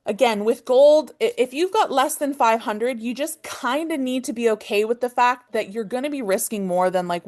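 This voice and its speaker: A woman in her thirties with a Canadian accent, teaching a live online trading lesson, talking fast and checking in with "okay?" all the time. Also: a little high. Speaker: trading coach.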